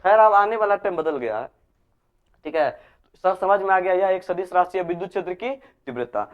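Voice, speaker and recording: A man's voice: sits high, expressive, normal speed, smooth. A male physics teacher, giving a classroom lecture, repeating key terms as questions to his students. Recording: dull lo-fi recording.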